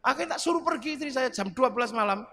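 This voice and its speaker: A middle-aged man giving a humorous sermon, telling stories in an animated way and acting out the voices. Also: very high voice, fast. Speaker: preacher. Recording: reverberant hall, faint background noise.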